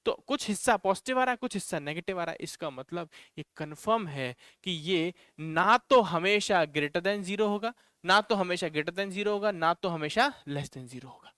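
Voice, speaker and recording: A fairly high, bright and crisp male voice with an Indian accent, working through a maths problem step by step for students. He talks them through each line, slipping English terms into his explanations. The sound is close and dry, with no room around it. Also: expressive, normal speed, hardly any pauses, no room sound. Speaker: maths teacher. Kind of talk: online exam-prep lecture.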